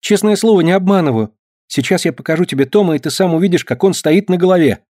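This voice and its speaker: A man voicing an excitable little farm boy who talks eagerly in a high, shrill voice. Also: fast talker, no echo, studio quality. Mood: earnest.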